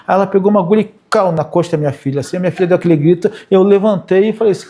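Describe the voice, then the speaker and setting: Middle-aged man, high and mellow voice, informal sermon full of anecdotes. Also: rapid-fire. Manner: chatty, anecdotal, frequent "né?" tags. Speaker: spiritist speaker. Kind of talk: informal spiritual talk with anecdotes.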